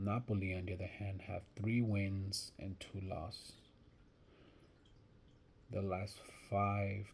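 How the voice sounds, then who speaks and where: A man's voice: low voice, vocal fry, darkish tone, a little hiss or hum. A man giving casual soccer betting predictions, thinking aloud and hesitant, often restarting his sentences. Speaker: sports betting vlogger.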